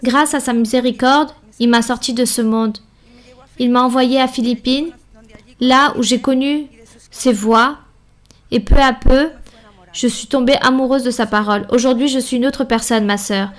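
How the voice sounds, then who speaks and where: Short, measured, earnest phrases mark this woman's French voice-over of a Bible study and a church member's testimony. Her voice sits on the high side, with a steady tone.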